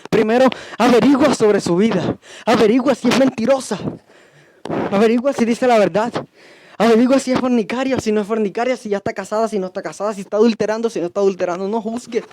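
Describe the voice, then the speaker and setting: A man's voice: high-pitched, steady tone, fast, darkish tone. A young man preaching a stern sermon, hammering his points with repeated commands.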